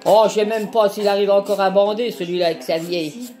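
A woman's voice: medium pitch, steady tone, fairly quick, over music. An older woman from France chatting casually while peeling vegetables, earthy and talkative, tagging her sentences with little asides. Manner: earthy, chatty, constant "hein" tag. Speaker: home cooking vlogger.

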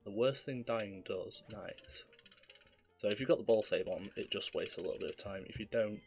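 A man with a lowish, slightly hoarse voice and a cough calmly commentates live on his own speedrun as he plays, explaining at a moderate pace. He sounds relaxed and self-deprecating, and faint game music plays in the background.

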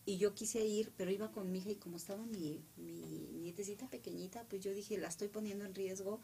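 A middle-aged woman with a Mexican accent telling a story with emotion, now loud, now dropping to a whisper. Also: mid-range voice, a little fast, vocal fry, slight background noise. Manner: animated, drops to whispers.

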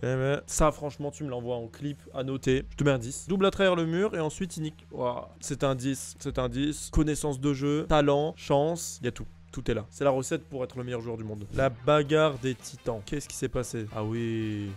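Man, gaming clip reactions, mumbled asides, sudden shouts, faint music behind. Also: steady tone, normal speed, hardly any pauses. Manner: chatty, mumbles low asides, bursts into shouts. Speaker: gaming streamer reacting to clips. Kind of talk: casual reaction commentary.

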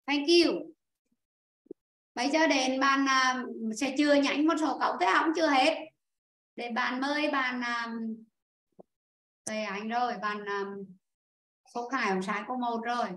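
A woman's voice: high-pitched, steady tone, unhurried, long pauses, fairly bright tone, reverberant. A woman teaching an online class, patiently explaining answers step by step and calling on pupils one by one. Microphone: video call.

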